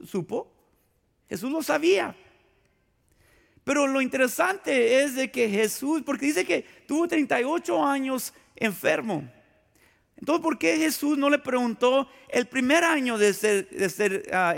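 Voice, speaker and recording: A male pastor with a very high-pitched, creaky voice preaches a sermon in a conversational, storytelling style, recorded with long hall reverb. He fills it with rhetorical questions and acted-out anecdotes.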